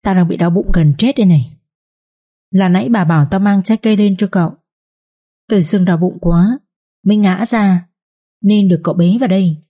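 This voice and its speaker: A woman's voice: medium pitch, brisk, pauses often, warm tone, lightly acted. A woman voicing a scheming young servant girl who whines and pleads, in a read-aloud story. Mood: defensive. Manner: whining, pleading.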